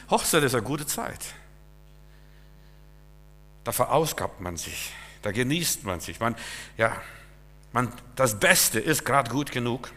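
Man, preacher, sermon, emphatic, sharp bright tone, long hall reverb. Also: mid-range voice, takes it slowly, long pauses. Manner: lively and emphatic, with sudden loud bursts and soft drops.

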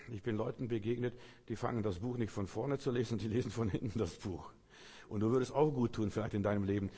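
A male preacher delivering a sermon, pressing his points with fervent repetition. His voice is dark and mellow with a husky edge. A long reverb trails behind every phrase. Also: medium pitch. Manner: fervent, repetitive exhortation addressed to the listener.

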